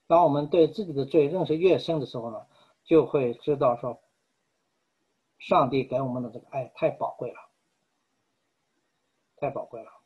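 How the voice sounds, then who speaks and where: A man preaching a sermon in an earnest, measured way, pausing often. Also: medium pitch, slightly rough, highs cut off. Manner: earnest, measured, with frequent pauses.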